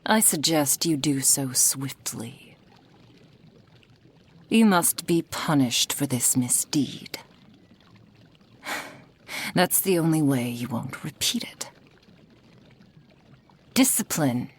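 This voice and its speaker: Her voice deep with a breathy edge, the same performer fully inhabits a possessive, menacing fox-spirit witch for ASMR roleplay. The character comes across as cold and domineering, cruelly affectionate and condescending, and she often drops to a whisper.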